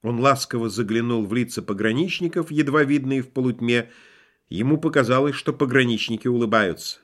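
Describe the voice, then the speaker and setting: A man narrating a literary audiobook in an expressive, lively storytelling manner. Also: medium pitch, brisk.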